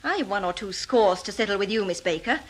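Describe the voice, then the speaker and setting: A woman's voice: medium pitch, expressive, a little fast, natural voice. Actress as bitter, weary freed captive woman. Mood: quietly vengeful. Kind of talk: scripted radio thriller acting.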